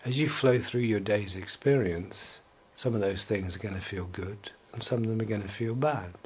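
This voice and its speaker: Low-voiced man guiding a relaxation. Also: breathy edge. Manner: slow, soothing, drifting into soft whispers. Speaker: relaxation guide. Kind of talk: guided relaxation.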